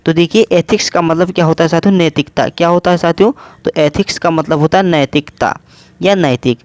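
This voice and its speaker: A man's voice: a little high, brisk, no room sound. A man teaching exam questions, explaining each option and repeating his own questions and answers as he goes. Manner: repetitive question-and-answer explaining, addresses listeners as friends.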